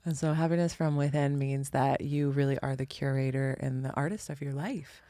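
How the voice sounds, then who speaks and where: Appearing as a podcast guest, this spiritual teacher from Indiana in the US Midwest comes across as thoughtful and sincere, yet playful and casual, in a reflective interview. Her voice is extremely low, warm, and steady at a normal speed, in a dry recording.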